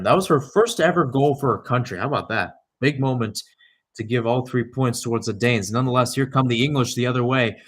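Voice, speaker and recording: A young adult man calls a soccer match live in radio-broadcast style, his pitch sitting in the middle range. As play-by-play commentator, he alternates between tracking the action and discussing it conversationally.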